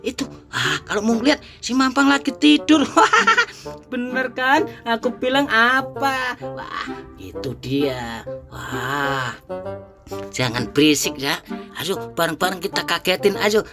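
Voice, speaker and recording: A woman who narrates playfully for children as a clown vlogger and is full of excited exclamations. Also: medium pitch, takes it slowly. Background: music.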